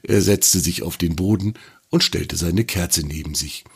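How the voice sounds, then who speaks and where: A man narrating a children's story in an expressive, lively reading voice. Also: deep voice, measured pace, gravelly, husky.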